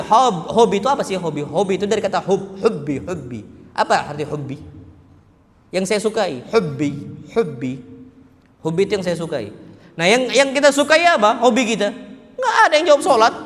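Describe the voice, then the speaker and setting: A man's voice: extremely high pitch, a bit bright, in a large hall. A man teaching an Islamic study class in casual Indonesian, asking his listeners questions and answering them himself, and quoting Arabic phrases. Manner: calls listeners "Pak" and "antum". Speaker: ustadz teaching a religious book study.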